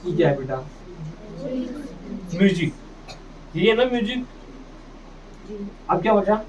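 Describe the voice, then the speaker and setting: A male teacher drills English pronunciation, asking what each word says and answering it himself. He speaks slowly in a fairly high voice. The sound is dull and distant, with a faint hiss behind it. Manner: drills pronunciation, asks and answers his own questions. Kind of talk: classroom phonics lesson.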